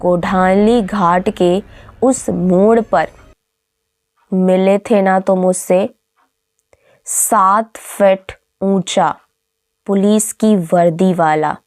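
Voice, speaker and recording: A woman voicing an old male petrol pump guard, speaking slowly and gravely in a hushed tone. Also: mid-range voice, fairly even intonation, dry recording, clean studio sound.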